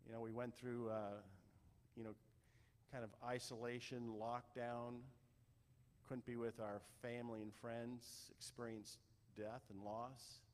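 A man preaching a conversational sermon as a pastor, rambling and halting with many restarts. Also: medium pitch, level tone, darkish tone. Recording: long reverb of a large room.

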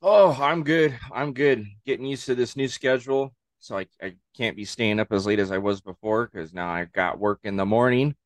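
A man with a low voice talks casually as a podcast co-host. He is easygoing and slangy, with plenty of swearing, and is recorded close and dry. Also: a little fast, few pauses, dry recording. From Southern California. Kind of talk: casual chat.

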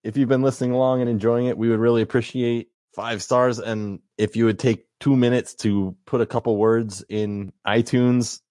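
A man hosting a tabletop game podcast as dungeon master, upbeat and announcer-like, quick to laugh. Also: mid-range voice, flat delivery, a little mellow, no echo, clean studio sound. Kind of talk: podcast intro and game talk.

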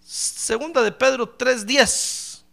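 A man's voice: very high voice, slow, gravelly, sharp tone. A pastor preaching a humorous sermon, acting out little dialogues and calling his listener brother.

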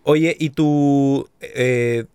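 A man's voice: medium pitch, steady tone, darkish tone, smooth, no room sound. A man hosting a podcast interview, friendly and admiring toward his guest. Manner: friendly, admiring, quick to laugh. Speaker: podcast host.

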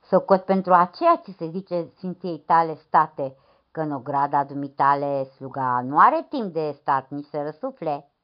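Storybook figure: a woman doing a bold, cheerful young farmhand. Cheeky, lively, high-pitched. Dull lo-fi recording. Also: close to an everyday voice.

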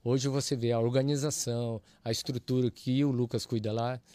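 A man's voice: medium pitch, normal speed. A man, a church audio ministry leader, telling his testimony as a guest in a casual way and acting out both sides of each exchange. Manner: lively, acts out both sides of dialogues.

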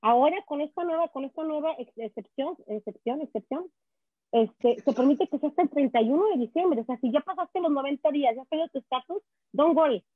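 A Mexican woman, a guest speaking on immigration, talking in a chatty, quick way over a call. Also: high voice, animated, no echo. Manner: fast, chatty, restarts words. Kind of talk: casual chat. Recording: tinny dry phone line.

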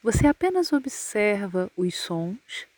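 A woman with a Brazilian Portuguese accent and a medium-pitched voice guides a yoga nidra meditation, offering calm, soothing instructions separated by long pauses. The recording is dry.

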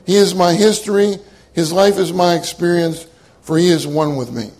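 A man's voice: high-pitched, fairly even intonation, moderate pace, a little mellow, low-quality recording. A man preaching a sermon to a congregation, earnest and emphatic, often repeating key phrases for weight. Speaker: minister.

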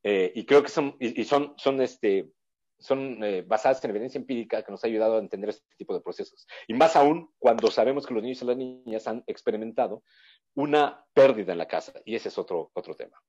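A man's voice: mid-range voice, fairly quick, a little mellow. A man speaking as a guest expert, explaining at length with hesitant restarts and acting out short quotes of children and parents. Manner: hesitant restarts with filler words. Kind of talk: explanatory interview talk. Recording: slightly dull lo-fi audio.

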